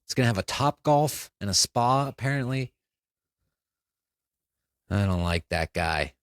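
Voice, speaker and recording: A man's voice: medium pitch, expressive, measured pace, smooth, dry recording, clean studio sound. A man hosting a comedy podcast, playing an incredulous, exasperated interviewer.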